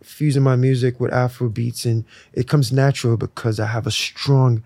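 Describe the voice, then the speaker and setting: Relaxed young guest from Nigeria, mellow, gravelly tone, easygoing interview talk. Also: male voice, medium pitch, normal speed, no echo. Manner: relaxed, reflective, filler-heavy. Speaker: musician guest.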